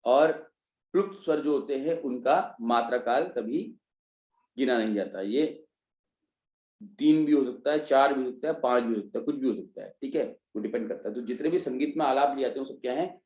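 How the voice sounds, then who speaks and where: Male teacher for an online revision class, mellow tone, talks through each point and answers his own questions, roomy sound. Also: mid-range voice, normal speed. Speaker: Hindi teacher. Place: online class, students joining remotely.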